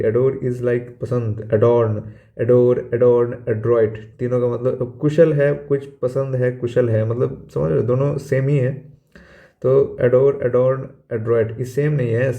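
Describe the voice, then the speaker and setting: A man's voice: medium pitch, creaky, dark tone. A man tutoring exam vocabulary in a casual, chatty way, spelling out words letter by letter and repeating their meanings. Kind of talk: casual explaining lesson.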